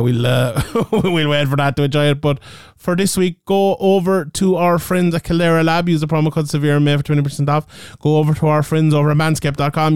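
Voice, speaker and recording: Brief: Irish male podcast host, slightly higher voice, smooth and clear, dry close-mic sound, easygoing sign-off patter. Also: no room sound. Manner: relaxed, chatty, filler-heavy. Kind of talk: casual podcast chat, show sign-off.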